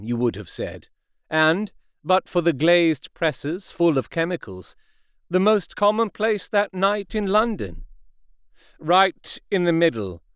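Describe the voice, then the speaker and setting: A man narrating a classic novel as an audiobook in a measured, expressive way. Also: fairly high pitch, smooth, dry recording, studio quality. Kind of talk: scripted narration.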